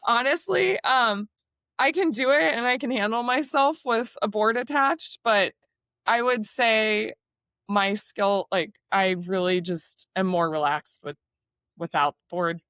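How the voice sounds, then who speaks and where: A young woman talks casually as an interview guest, a water photographer who keeps reaching for fillers as she thinks aloud. Her voice sits at a middle pitch for a woman. The sound is dry and close, with no room echo. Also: measured pace, fairly bright tone. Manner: chatty, many fillers like "like".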